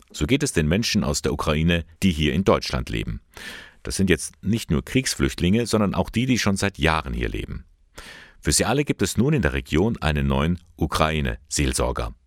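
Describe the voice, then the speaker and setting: A man presenting a church news report and interviewing a guest, with a clear, measured delivery. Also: very deep voice, dry recording, clean studio sound. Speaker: radio presenter.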